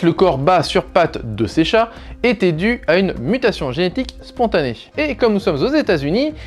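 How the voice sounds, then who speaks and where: A man hosting a video, giving scripted informative commentary with sarcastic, jokey asides. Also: high voice. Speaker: YouTube host.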